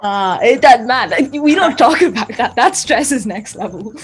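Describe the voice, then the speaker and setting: A woman's voice: on the high side, expressive, normal speed, rough recording. A young woman in her late teens with a light Indian accent that leans British, talking casually as a guest and laughing easily. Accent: light Indian, British-tinged. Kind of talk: casual conversation.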